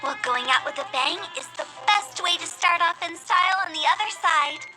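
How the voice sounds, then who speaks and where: A woman's voice: very high-pitched, moderate pace, music in the background, low-quality recording. A woman playing a cheeky, upbeat young female funeral parlor director in a video game, with theatrical salesperson patter. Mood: cheerful sales pitch.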